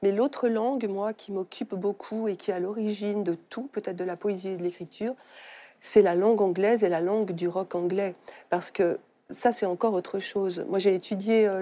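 Middle-aged woman, novelist guest; mellow, unhurried, searching for words. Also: mid-range voice. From Algeria. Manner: thoughtful, halting with many fillers. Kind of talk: studio talk show conversation.

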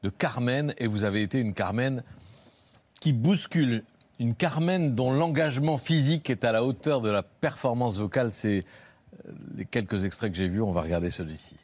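A man co-hosting a TV talk show, asking measured questions and introducing clips. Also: medium pitch, darkish tone. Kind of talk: TV interview.

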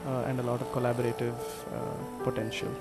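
A man in his thirties from South India with an Indian English accent, speaking thoughtfully in an interview and pausing often with fillers. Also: medium pitch, little pitch movement, gravelly, over loud music. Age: 30s. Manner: thoughtful, hesitant with frequent fillers. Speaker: pianist interviewee. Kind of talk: casual interview.

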